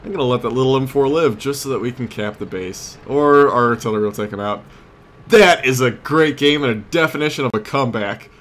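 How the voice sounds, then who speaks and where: Clear tank-game audio, full of vehicles and fighting, sits behind this let's play host's casual commentary. He speaks fairly quickly at medium pitch with a fairly bright tone, thinking aloud in short tactical bursts.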